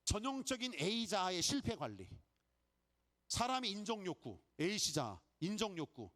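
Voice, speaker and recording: Animated, high-voiced preaching man. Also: slow. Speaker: pastor. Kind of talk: lively guest sermon.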